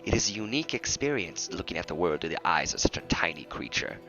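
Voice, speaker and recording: Grand, self-announcing skeleton carnival guide played by a man, bright and forceful, swinging his pitch wide; muffled lo-fi, faint music behind. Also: very animated, quick pace, heavily acted. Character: lanky male skeleton carnival guide, theatrical showman.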